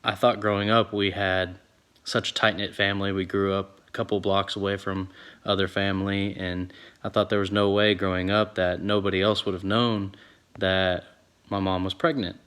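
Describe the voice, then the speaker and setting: A man in his thirties from Texas, telling his own story in an even, steady way. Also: low-pitched, moderate pace, smooth. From Texas, USA. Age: 30s. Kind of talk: casual personal storytelling.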